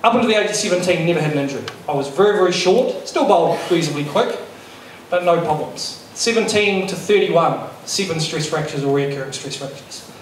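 A middle-aged man presenting to a workshop as a fast bowling coach, candid and self-deprecating, speaking into a handheld microphone in a lecture room. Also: fairly high pitch, lively intonation. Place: large lecture room with projector. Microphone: handheld mic. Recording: echoey room, distant sound, faint noise.

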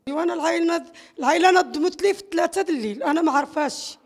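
A woman's voice: very high voice, racing. A middle-aged woman with a northern Moroccan Arabic accent, distraught and crying as she gives an anguished, repetitive, pleading testimony to a news reporter. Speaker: bereaved mother interviewed. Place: small bare concrete room or entryway indoors. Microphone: reporter's handheld microphone held close.

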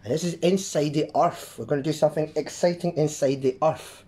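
A host teaching a drawing lesson for kids, adding playful sound effects like "beep" and "boom" and often checking in with the viewer. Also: steady tone, a little fast, mellow, slight background noise. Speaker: children's art class host.

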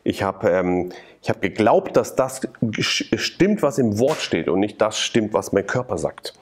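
A man's voice: on the low side, big pitch swings, a little slow, breathy edge. A man telling his faith testimony in an interview, earnest and preaching, with many repeated phrases. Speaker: interview guest.

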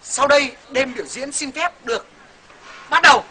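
A man's voice: very high voice, moderate pace, loud music behind the voice. A man, teasing and skeptical as a comedy host. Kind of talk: comedy sketch banter.

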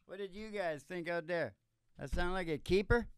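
On a small curtained studio stage, an older man under eighty, a country musician hosting a music podcast, jokes and philosophizes in a rambling, folksy manner. His voice is high and smooth at a moderate pace, picked up by a stand-mounted vocal microphone.

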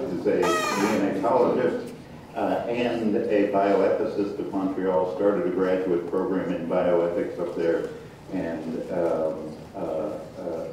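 A man introducing the next speaker at a conference, halting and full of fillers. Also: sits low. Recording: distant, very echoey, noisy hall.

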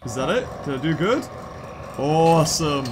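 A young British man giving casual gameplay commentary in a goofy, jokey, excitable way. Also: a little high, normal speed, background noise. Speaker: gaming YouTuber.

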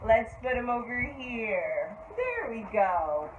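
A woman speaks to toddlers in a high, sing-song voice that swoops up and down. She talks very slowly and coaxes them with exaggerated praise. The room is echoey. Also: dull audio. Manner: exaggerated, animated, coaxing. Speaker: preschool teacher. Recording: echoey room, faint noise.

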